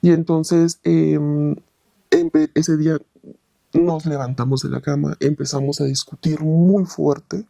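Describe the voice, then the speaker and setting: A woman recounts her own experience in a soft, hesitant way. Her voice is very dark and gravelly, with a lot of fry. The sound is dry and close, with no room around it. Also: low voice, fairly even intonation, takes it slowly, dry recording. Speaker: interviewee sharing a testimony. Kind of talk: personal testimony.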